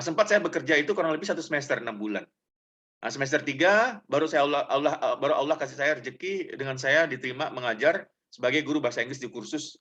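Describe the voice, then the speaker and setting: A middle-aged man with a somewhat high, slightly bright voice gives a casual talk to students as a guest speaker. He tells personal stories in a loose, chatty way, full of fillers, and speaks directly to his listeners. The audio sounds dull.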